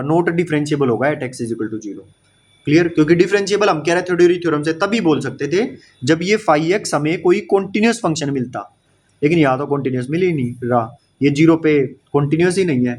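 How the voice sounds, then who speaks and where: A man with a fairly high, somewhat dark voice gives an online exam-prep lecture in maths. His Hindi is mixed with English terms in an Indian accent, and he breaks things down step by step while frequently checking on his students' understanding.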